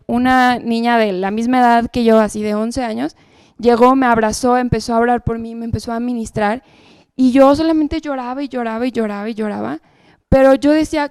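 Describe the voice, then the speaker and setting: A woman's voice: on the high side, darkish tone, clear, resonant tone, no room sound. A woman giving a personal testimony at church, telling her story earnestly and often checking in with the audience. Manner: earnest storytelling with frequent tag questions.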